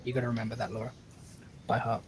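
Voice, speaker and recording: A man's voice: medium pitch, little pitch movement, fast talker, a little hiss or hum. A man improvising casually as a defense attorney in a role-play.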